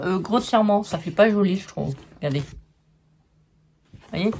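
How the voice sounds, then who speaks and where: A woman's voice: on the high side, a little mellow, a little hiss or hum. A woman casually showing scrapbooking papers to viewers, chatting and giving frank opinions on each sheet. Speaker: scrapbooking vlogger. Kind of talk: casual show-and-tell of paper pads.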